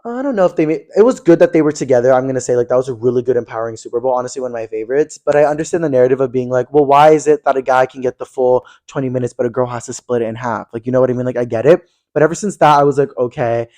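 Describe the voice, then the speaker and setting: A man's voice: mid-range voice, racing, hardly any pauses, darkish tone, dry recording. A young man co-hosting a podcast, chatting in a gossipy way and filling his talk with "like". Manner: gossipy, says "like" constantly. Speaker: podcast co-host. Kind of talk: casual chat.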